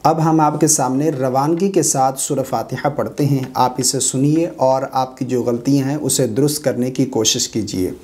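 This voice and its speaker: A man teaching Quran recitation, chanting verses in long drawn-out melodic lines and correcting common mistakes in quick spoken asides. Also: mid-range voice, steady tone, darkish tone.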